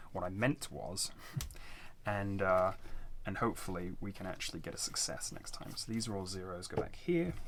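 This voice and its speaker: A man's voice: fairly low pitch, a bit bright, slight background noise. A man giving casual, unscripted commentary as he plays a board game, hesitantly talking himself through his choices. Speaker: solo board game player narrating a playthrough.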